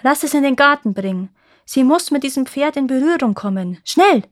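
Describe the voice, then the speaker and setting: A woman's voice: fairly high pitch, moderate pace, dry recording, clean studio sound, voice pushed up, close to an everyday voice. A woman voicing an urgent young prince. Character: young male prince, eager and devoted.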